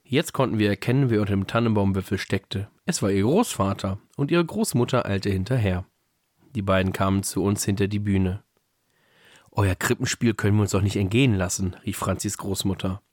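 A man co-hosting a podcast who reads a Christmas story aloud in a calm storybook manner. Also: on the low side, brisk, no room sound, clean studio sound. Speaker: podcast co-host reading a story.

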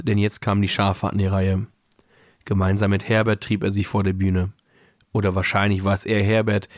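A young man with a low voice, joking dryly and laughing often as a podcast co-host before settling into reading a story aloud. He sits close to the mic in a dry, dead space. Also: a little mellow, no room sound. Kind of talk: casual chat, then reading a story aloud.

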